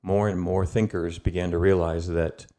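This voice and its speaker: A middle-aged man with a very deep voice gives a conversational history lesson as a podcast guest. He tells it in a thoughtful, storytelling way, pausing and searching for words. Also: flat delivery, warm tone. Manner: thoughtful, storytelling, with pauses and fillers.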